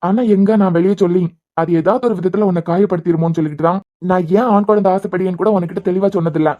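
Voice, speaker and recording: A woman voicing a devoted young husband who is a hospital head, speaking in a Kanyakumari Tamil accent, bantering fast and turning stern at times. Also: lowish voice, fairly even intonation, dull audio, lightly acted. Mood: tender, reassuring. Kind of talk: cartoon web series voice acting.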